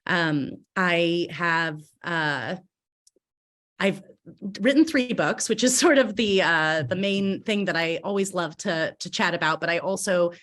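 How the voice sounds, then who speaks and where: A woman's voice: on the low side, measured pace, a bit bright. A woman in her thirties, a baker and food writer, introducing herself in a chatty, bubbly way with frequent fillers. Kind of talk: casual introduction on a video panel.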